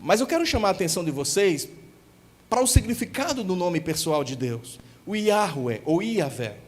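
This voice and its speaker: A Brazilian man with a northeastern accent, preaching a youth-service sermon as pastor and slowing down to stress sacred names. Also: high voice, sing-song. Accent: Brazilian Portuguese, northeastern. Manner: teaching, slows to stress holy names.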